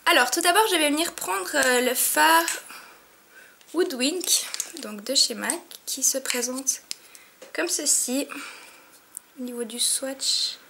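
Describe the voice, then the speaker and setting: Her voice sits high and sounds gravelly, pushed and bright, as she speaks slowly with long pauses, and a little hiss or hum is audible. She's a young beauty vlogger with a cold, sniffling through a chatty, filler-heavy makeup tutorial at her mirror at home.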